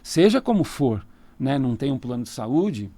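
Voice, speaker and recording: A man's voice: mid-range voice, sing-song, normal speed, mellow, no room sound. A man with a Brazilian Portuguese accent, a tarot reader talking casually as a radio interview guest, explaining at length and laughing easily. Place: radio studio.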